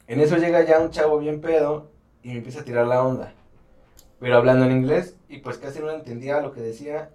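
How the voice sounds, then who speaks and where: A man's voice: on the high side, fairly even intonation, fast talker, a little mellow, echoey room, far from the mic. A man co-hosting a podcast, reading listener stories aloud in casual, crude, swearing banter. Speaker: podcast co-host.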